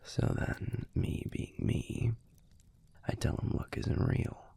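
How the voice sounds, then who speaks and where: Using his natural voice, a man with an American accent portrays a gruff yet tender young werewolf boyfriend in an intimate audio roleplay, speaking softly to the listener. The mood is wry, fond reminiscing. He murmurs in a low, breathy, husky, gravelly voice, laid-back and halting, swearing casually.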